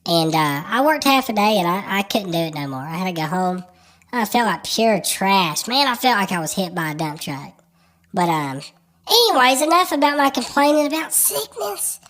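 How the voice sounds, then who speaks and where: A woman's voice: medium pitch, sing-song, normal speed, fairly bright tone. A woman hosting a sports podcast. Her voice is congested from a cold, and she talks in a crude, rambling way with lots of ums. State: congested, stuffed-up voice. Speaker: podcast host. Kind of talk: casual sports podcast chat.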